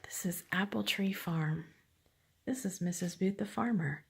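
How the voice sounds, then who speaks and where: An older woman reading a picture book to her grandchild at home, talking quietly and half-whispering. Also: mid-range voice, unhurried, creaky, breathy edge. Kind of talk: hushed storybook reading.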